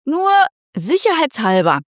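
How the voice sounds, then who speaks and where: A woman's voice: fairly high pitch, big pitch swings, unhurried, no room sound, clean studio sound. A woman voicing a worried young female factory worker who speaks hesitantly and trails off, in a read-aloud story.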